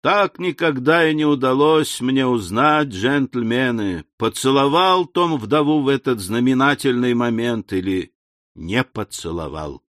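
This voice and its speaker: A man's voice: mid-range voice, animated, measured pace, fairly bright tone, no room sound. A male audiobook narrator with a mid-range voice tells the story at an easy pace, dropping into confiding asides to his listeners. The sound is dry and close, with no room around it. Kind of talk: scripted literary narration.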